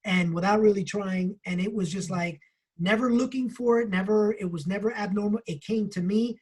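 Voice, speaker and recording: A man co-hosting a book club, telling a personal story in an animated way with casual swearing. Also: high voice, moderate pace, husky.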